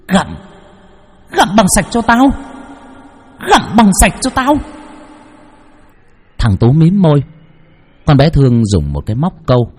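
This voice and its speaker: Husky-voiced man telling a horror story. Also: warm tone. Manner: dramatic, shifting pitch for effect.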